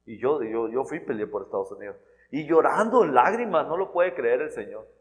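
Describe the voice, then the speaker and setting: A man gives a sermon in plain, earnest, conversational Spanish-language preaching style, stumbling over restarts and checking in with his listeners. His voice sits at an ordinary middle pitch. The sound carries a long reverb from the church hall. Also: lively intonation, brisk.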